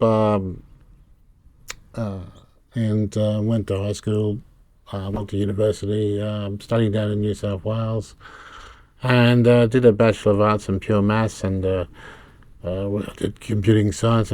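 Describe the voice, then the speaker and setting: A middle-aged man with an Australian accent, answering interview questions in a halting, rambling way. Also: fairly low pitch, darkish tone, dry recording. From Brisbane, Australia. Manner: rambling, halting, many fillers. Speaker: political candidate.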